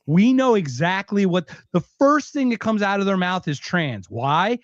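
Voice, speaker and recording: A man's voice: sits high, big pitch swings, unhurried, dry recording, muffled recording. A man co-hosting a podcast, ranting with anger and exasperation, swearing constantly. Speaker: podcast co-host. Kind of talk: profane ranting commentary.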